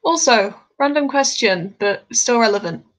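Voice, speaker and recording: A woman's voice: a little high, lively intonation, moderate pace, rough recording. A woman chatting casually on a live stream while she draws, a bit tired, rambling and laughing often.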